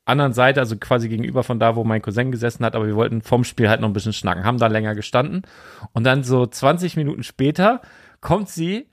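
A man's voice: mid-range voice, quick pace, no room sound, studio quality. Rambling storyteller man. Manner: rambling anecdotal storyteller, laughs often. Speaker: podcast co-host. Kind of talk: casual chat.

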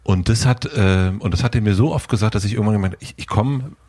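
A man with a German accent hosting a casual talk, speaking haltingly with many fillers and restarts. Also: lowish voice, darkish tone. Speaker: podcast host. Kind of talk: casual conversation.

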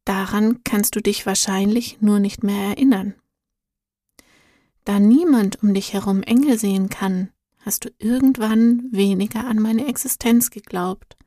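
A kind guardian angel from a storybook speaks slowly and soothingly, as a woman narrator puts him on. His soft words sit close and dry, with no echo around them. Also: medium pitch, natural voice. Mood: gentle, reassuring. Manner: calm, soft and reassuring.

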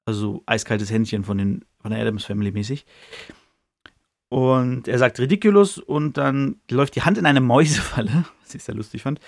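A man's voice: medium pitch, no echo, studio quality. Chatty, slangy young man on a podcast. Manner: slangy, chatty, many fillers. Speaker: podcast host. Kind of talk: casual retelling of a book chapter.

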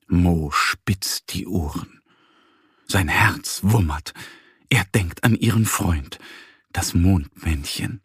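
A man narrating a children's story slowly and gently, with a husky voice. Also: low voice, dry recording, studio quality. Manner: slow, gentle, expressive.

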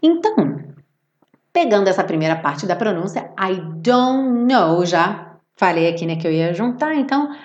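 A woman's voice: on the low side, big pitch swings, a little mellow, muffled recording. Roomy Brazilian woman teaching pronunciation. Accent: Brazilian Portuguese. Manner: explains patiently, slowly repeats words to model pronunciation. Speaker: English teacher. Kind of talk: live online lesson. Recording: roomy echo.

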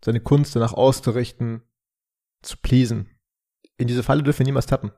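A man's voice: mid-range voice, fairly even intonation, fast, warm tone. A man chatting casually as a podcast co-host, making dry, wry remarks. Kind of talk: casual chat.

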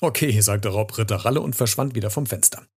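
A man narrating a children's storybook aloud in an expressive, lively reading with a husky voice. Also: fairly low pitch, quick pace.

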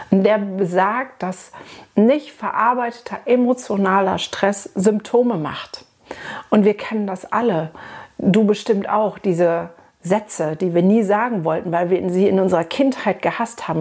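A woman with a slightly husky, breathy voice talks through her experiences as a child therapist. Her pitch sits in a middle range. She speaks in an earnest, reflective and frank way and talks straight to the listener as if across a table. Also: darkish tone. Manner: conversational, addresses listener directly. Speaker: child and adolescent psychotherapist. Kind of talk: personal storytelling talk.

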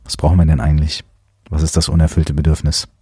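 A man hosting a coaching podcast, talking in a gentle, musing way with many fillers. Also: extremely low pitch, monotone, quick pace, breathy edge, no room sound, studio quality. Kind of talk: reflective podcast monologue.

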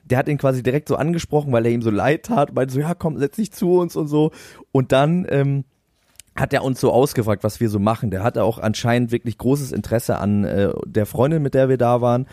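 Guy telling a long story on a podcast, rambly and amused, dry room, normal pitch. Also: brisk, dry recording. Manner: animated, rambling storyteller who laughs at his own tale. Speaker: podcast co-host. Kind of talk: casual anecdote telling.

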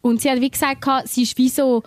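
A woman's voice: high-pitched, fast talker, dry recording. Chatty Swiss German woman, dry close sound. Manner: animated, full of filler words and English slang. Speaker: podcast co-host. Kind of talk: casual chat, storytelling.

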